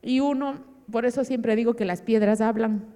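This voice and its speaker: A woman's voice: on the high side, fairly even intonation, moderate pace, mellow, big-room sound. A middle-aged woman giving an emotional personal testimony in church and vividly acting out remembered dialogue. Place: church hall.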